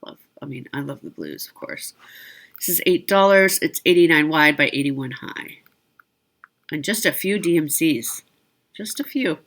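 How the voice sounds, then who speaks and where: A woman's voice: deep voice, very animated, a little slow, a bit bright. A woman casually presenting products as a video host, chatty and informal, often correcting herself and adding asides. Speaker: host of a needlework shopping video. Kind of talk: casual product showcase narration.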